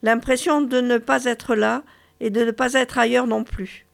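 A woman reading the part of a weary, deadpan male God who complains that he does not exist, in a dry literary reading. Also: a little high, a little slow, gravelly.

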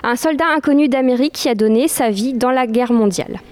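A woman with a fairly high voice gives an informal history lecture. She stops and restarts often, searching for her words. Her delivery feels unscripted. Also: fast, darkish tone. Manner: hesitant, many restarts and fillers. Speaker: speaker giving a history talk.

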